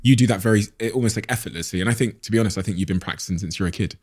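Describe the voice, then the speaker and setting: A man with a very low voice, speaking fast in a casual podcast conversation. He is reflective and earnest, often pausing to find his words. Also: a little mellow, husky. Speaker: podcast guest.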